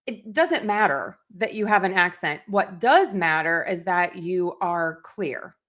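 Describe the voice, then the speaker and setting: A woman's voice: fairly low pitch, lively intonation, measured pace, fairly bright tone. A woman hosting an interview, a voice coach who talks with enthusiasm and encouragement. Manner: enthusiastic, encouraging, often says she loves it. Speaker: podcast host and voice coach. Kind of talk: casual interview chat.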